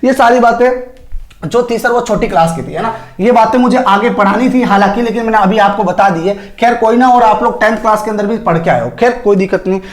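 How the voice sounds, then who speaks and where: A man lectures on chemistry in a fairly high voice. He keeps firing questions at his students and answering them himself, with everyday comparisons. The sound is roomy and echoey. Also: brisk. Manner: homely Hindi analogies, calls students sir. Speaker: chemistry teacher. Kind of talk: classroom lecture. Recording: echoey room.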